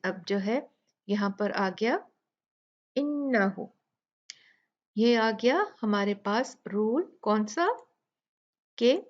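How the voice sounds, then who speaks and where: A woman teaches tajweed in a slow, unhurried way, drawing out each example. She explains patiently, step by step. The sound is a little dull and lo-fi. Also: mid-range voice. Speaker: Quran recitation teacher. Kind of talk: tajweed tutorial with recited examples.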